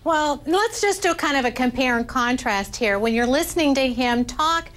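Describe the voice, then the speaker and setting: A woman with a high voice gives expert commentary as a news panel guest. She explains her reading of a recording step by step, with emphasis and rhetorical questions. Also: lively intonation, normal speed, fairly bright tone. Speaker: body language expert guest.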